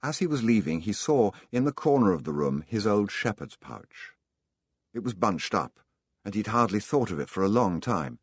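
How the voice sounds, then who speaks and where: A man narrating an audiobook in a calm storytelling manner. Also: fairly low pitch, moderate pace, husky, dry recording, studio quality.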